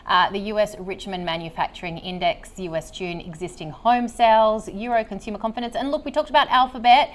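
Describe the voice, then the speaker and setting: A woman co-hosting a live market wrap, briskly listing stocks with playful banter. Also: mid-range voice, fairly even intonation. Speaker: co-host of a markets show.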